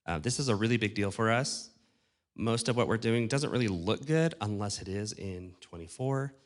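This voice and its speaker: Guy on a conference stage talking church production, lowish worn voice, chatty, asks the room stuff. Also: animated, moderate pace. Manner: conversational, asks the audience questions, self-deprecating. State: losing his voice. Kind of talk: casual live talk to an audience. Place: conference stage before a live audience.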